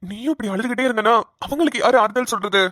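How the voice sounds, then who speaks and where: A woman voicing a kind young man who gently comforts his family in a cartoon. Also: on the high side, fast talker, dry recording, clean studio sound. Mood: comforting.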